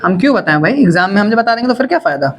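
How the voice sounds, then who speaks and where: A man's voice: high-pitched, big pitch swings, very fast, slight background noise. Man teaching chemistry to a class. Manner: quizzing students, answering own questions. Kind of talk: classroom lecture.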